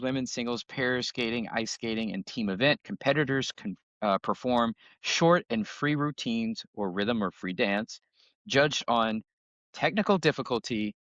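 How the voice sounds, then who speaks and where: A man's voice: medium pitch, fairly bright tone, no room sound, dull audio. A man co-hosting a podcast, chatting casually and jokingly, at times reading notes aloud. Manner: laid-back, jokey, reads notes aloud. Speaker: podcast co-host. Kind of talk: casual chat.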